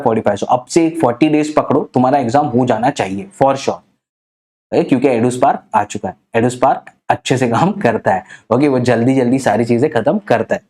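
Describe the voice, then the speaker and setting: A young male tutor walks students through an exam-prep lesson. His voice is mellow and warm, and he mixes Hindi with English. He keeps checking in with quick rhetorical questions. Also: medium pitch. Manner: explains in fast Hindi-English mix, asks rhetorical questions.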